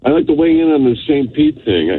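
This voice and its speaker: A middle-aged man from Chicago with a deep baritone voice, calling in to a radio show, his voice muffled as if through a wall. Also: very animated, brisk, a little hiss or hum. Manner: hesitant, restarting his sentences. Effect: muffled phone voice, as if through a wall. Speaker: radio call-in caller. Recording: muffled, tinny phone line.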